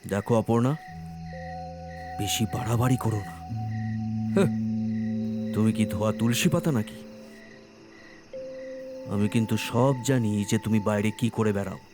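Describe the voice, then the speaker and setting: An actor playing a guilty, cornered husband who stammers and turns defensive. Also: male voice, medium pitch, very animated, a little fast, pauses often, over loud music. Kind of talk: web series acting.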